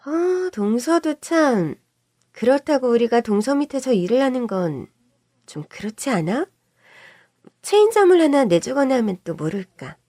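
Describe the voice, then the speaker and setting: A woman's voice: high-pitched, sing-song, mellow, dry recording, studio quality. A woman voicing a pushy, scheming middle-aged sister-in-law who wheedles and snaps. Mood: wheedling. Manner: pushy, wheedling, quick to snap.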